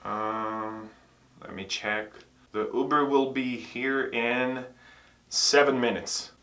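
A man's voice: medium pitch, steady tone, very slow, pushed and bright, far from the mic. A man playing an easygoing dad chatting with his kid in a scripted learner dialogue.

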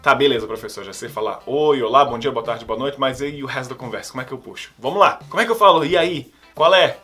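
A man's voice: mid-range voice, fast talker, pushed and bright, breathy edge, faint music behind. A man teaching English phrases to Portuguese speakers in a casual, playful video lesson.

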